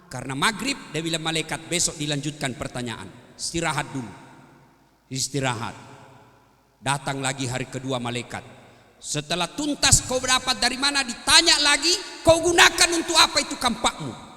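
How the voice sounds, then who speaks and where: A man giving a humorous sermon, telling stories and acting out the voices, swinging between loud and quiet. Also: high voice, big-room sound. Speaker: preacher. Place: large hall at a religious gathering.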